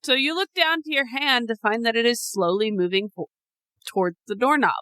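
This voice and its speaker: A woman's voice: fairly high pitch, fairly quick, bright, forceful tone, no room sound. A woman co-hosting a podcast, narrating a creepy scenario to her friend with teasing laughs. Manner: laughs often, teasing, storyteller. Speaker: podcast co-host. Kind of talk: casual chat, narrating a spooky scenario.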